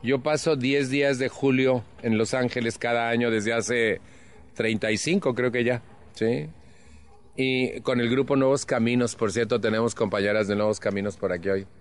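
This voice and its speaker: A man in his seventies with a Mexican accent tells his own story to a support group. He speaks earnestly and with animation, and he drops in blunt slang as he goes. His voice sits at an ordinary middle pitch. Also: steady tone, normal speed. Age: 70s. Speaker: Al-Anon speaker. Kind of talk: personal testimony talk.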